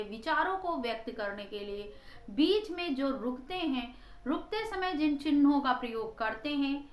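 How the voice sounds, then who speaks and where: A woman's voice: sits high, pushed and bright, reverberant, low-quality recording. A woman teacher giving an exam-prep grammar lesson. She asks questions, answers them herself, and repeats key phrases for emphasis.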